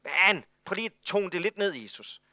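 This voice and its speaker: A man voicing a worried disciple who quietly urges his teacher to tone things down. He speaks hushed and confiding. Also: sits high, very animated, no echo, clean studio sound, full character voice. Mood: pleading. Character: worried disciple, adult man, blunt and pleading.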